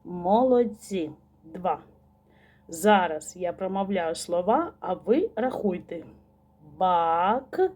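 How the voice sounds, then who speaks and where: A woman teacher giving a slow, patient recorded lesson to young children, asking questions and praising answers. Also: on the low side, expressive, warm tone.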